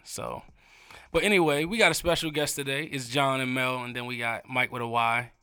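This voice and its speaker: A man's voice: medium pitch, bright, forceful tone, clean tone, no room sound, studio quality. A man hosting a casual podcast, joking around and asking his guests questions. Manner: quick, joking, interviewing. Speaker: podcast host.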